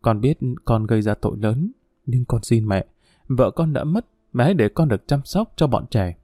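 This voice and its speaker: A humble, remorseful father pleads earnestly in a mellow voice, as a male narrator reads his part. The audiobook sound is dry and close. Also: mid-range voice, lively intonation, normal speed, no echo, natural voice. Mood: pleading. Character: remorseful middle-aged ex-convict father, pleading. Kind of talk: audiobook character voice.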